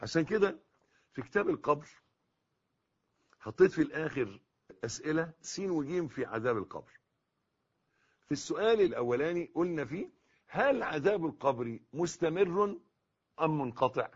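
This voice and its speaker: A man with an Egyptian Arabic accent preaching a sermon, swinging between hushed passages and loud, emphatic ones. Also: on the high side, expressive, brisk, long pauses, breathy edge. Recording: dull lo-fi recording.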